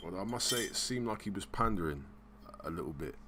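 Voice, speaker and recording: A very deep-voiced man chats loosely on his live stream. He rambles, pauses on fillers and keeps giving slangy shout-outs, with a faint hiss of noise behind him. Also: expressive. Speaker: livestream host. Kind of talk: casual live-stream chat.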